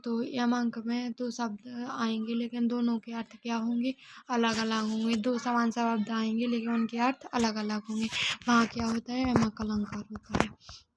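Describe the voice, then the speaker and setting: A woman's voice: on the high side, monotone, moderate pace, background noise. A woman teaching a Hindi grammar revision lesson, explaining by asking and answering her own questions.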